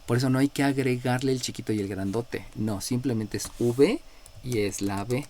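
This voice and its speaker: A man's voice: mid-range voice, normal speed, a little mellow, slight background noise. A man with a Mexican accent lecturing as a math teacher in a live class, explaining step by step and checking in with his students. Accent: Mexican Spanish. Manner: explanatory, checks in with frequent "¿no?", calls on students by number.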